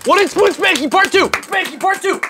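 A young adult man co-hosting a challenge indoors, with excitable casual banter and game explanations. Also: very high voice, fairly quick, heavy background noise. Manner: excitable, whooping. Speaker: challenge video host. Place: indoors in a basement games room. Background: music.

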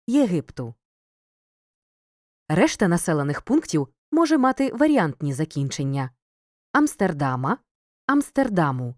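A woman reading a scripted grammar lesson as a teacher, clear and measured, pausing between listed words. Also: low-pitched, darkish tone, no echo, studio quality. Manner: clear, measured, reads word lists with pauses. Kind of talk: scripted educational narration.

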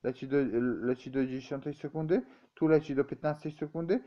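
A man giving a rambling, halting explanation, stumbling over words and restarting often. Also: on the high side, fairly even intonation, lo-fi sound.

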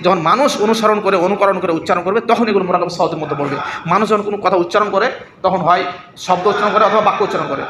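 Fast, bright-voiced male grammar teacher. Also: high-pitched, roomy sound. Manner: repetitive, checks students' understanding; mimics sounds. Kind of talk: classroom lesson.

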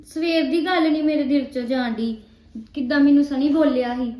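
A woman's voice: sits high, fairly even intonation, fairly quick, mellow, close to an everyday voice. Young woman playing a sulky complaining daughter. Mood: aggrieved. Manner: complaining, petulant. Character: sulky, resentful grown-up daughter. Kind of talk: web drama acting. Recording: echoey room.

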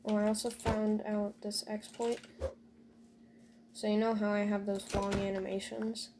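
A woman's voice: mid-range voice, completely flat delivery, unhurried, noisy background. A woman casually commentating her own gameplay, talking to viewers with joking asides and dry sarcasm.

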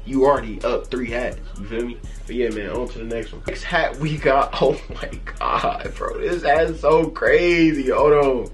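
Young man hyping his hats, slangy. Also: medium pitch. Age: young adult. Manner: excited, slangy, repeats "bro" and "you feel me". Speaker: vlogger showing a hat collection. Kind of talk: casual vlog talk to camera. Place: small bedroom with purple LED lights.

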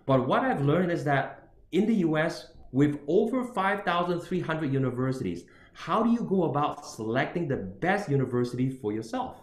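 A middle-aged man from Singapore, working as an international student advisor, gives an emphatic webinar presentation on choosing universities from indoors with a virtual background. His fairly high voice swings widely in pitch at normal speed with a roomy sound, and he repeatedly ends points with "all right?".

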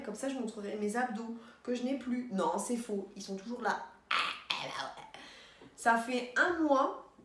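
A woman's voice: mid-range voice, reverberant, far from the mic, a little hiss or hum. A woman vlogger chatting casually while unboxing, giggly and bursting into delighted exclamations.

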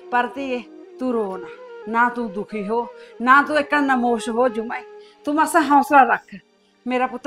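A woman's voice: high voice, sharp tone. A middle-aged woman playing a grieving mother-in-law who soothes her son's wife through tears. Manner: tearful, soothing, pleading. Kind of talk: short family drama.

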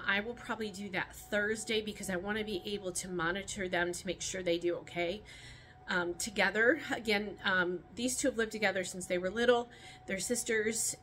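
Woman from Michigan, bright tone, chatty outdoor vlog, rambling delivery, faint background ambience. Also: mid-range voice, slight background noise. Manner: rambling, many ums and restarts. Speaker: rabbit keeper vlogger. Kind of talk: casual talk while handling rabbits. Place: outdoors by a rabbit colony pen.

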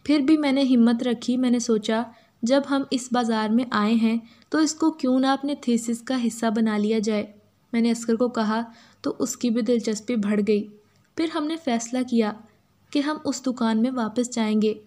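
A woman with an Urdu accent reading a first-person story as a steady, even narrator. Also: fairly high pitch, moderate pace.

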